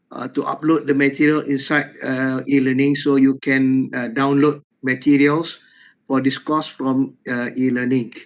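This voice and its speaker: An older man giving a university lecture on a video call, halting with many fillers and repeated words. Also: medium pitch, low-quality recording. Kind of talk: online class lecture.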